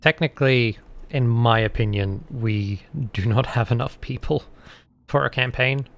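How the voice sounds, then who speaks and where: Slow, creaky-voiced man running a game. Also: medium pitch, a bit bright. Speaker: game master. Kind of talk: casual narration of a tabletop game.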